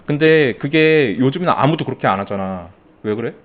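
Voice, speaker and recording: Lively male lecturer, tinny sound. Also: mid-range voice, fairly quick. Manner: animated storytelling, acting out coworkers' quotes. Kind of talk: casual classroom lecture.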